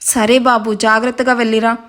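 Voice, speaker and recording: A woman's voice: a little high, little pitch movement, normal speed, lightly acted. A woman reading a fussing, caring mother. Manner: gentle and fussing. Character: caring middle-aged mother.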